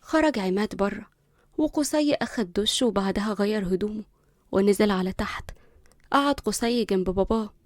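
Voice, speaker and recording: A woman's voice: mid-range voice, normal speed, a little mellow, dry recording, clean studio sound. A woman with an Egyptian Arabic accent narrating a story and addressing her listeners directly and affectionately.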